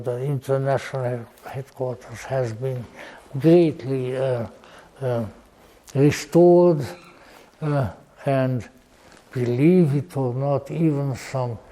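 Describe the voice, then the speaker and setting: An elderly man with a Hungarian accent giving an informal, rambling talk in a halting, deliberate manner, with formal old-fashioned wording and dry humour. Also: mid-range voice, warm tone, rough recording. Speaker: lecturer. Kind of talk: informal rambling reminiscence to an audience.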